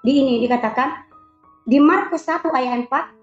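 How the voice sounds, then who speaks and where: A woman's voice: high voice, normal speed. A woman giving an emotional personal faith testimony, repeating phrases and calling out prayers aloud. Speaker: former shaman giving a church testimony. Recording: roomy, dull lo-fi sound with faint music.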